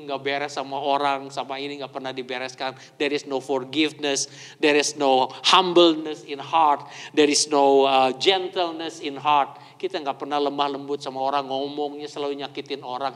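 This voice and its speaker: A man preaching a sermon as pastor, mixing in English phrases and asking the congregation questions. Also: on the high side. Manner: mixes Indonesian with English phrases; animated, asks the congregation questions. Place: church hall. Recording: long church hall reverb.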